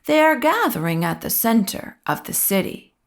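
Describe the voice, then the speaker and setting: A woman voicing a male train conductor in a storybook, a knowing guide announcing things to children in a measured way. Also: fairly high pitch, sing-song.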